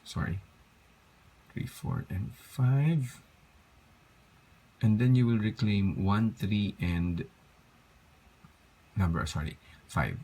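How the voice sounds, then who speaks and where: Tired male tutor, low-pitched and unhurried, walks through steps by counting and correcting himself. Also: warm tone, husky. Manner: counts steps aloud, apologizes for slips. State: tired, yawning. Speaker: craft tutorial host. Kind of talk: step-by-step craft tutorial.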